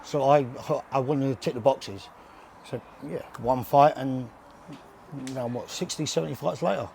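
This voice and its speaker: A man's voice: medium pitch, normal speed, creaky, darkish tone, slight background noise. A man in his forties with a London accent, chatting casually and bluntly as an interview guest, often repeating words and restarting. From west London and Surrey, England. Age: 40s. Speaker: bare-knuckle boxer, interview guest. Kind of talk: casual chat. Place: indoors in a gym.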